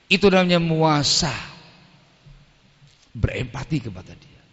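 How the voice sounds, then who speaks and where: A male preacher giving an animated sermon and acting out conversations between friends. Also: fairly high pitch, measured pace, in a large hall, highs cut off. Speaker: Islamic preacher.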